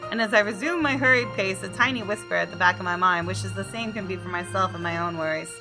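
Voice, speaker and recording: This rough recording captures a fast-talking woman gamer with a mid-range voice. She expressively narrates a visual novel's plot and throws in casual comments, with soft game music faintly audible behind her.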